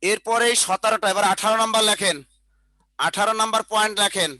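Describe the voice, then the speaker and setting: Guy teaching a class on a video call, high bright voice, keeps repeating the points to write down. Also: steady tone, fast talker, no echo. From Bangladesh. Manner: dictating notes, repeating points; colloquial, joking asides. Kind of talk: online class lecture.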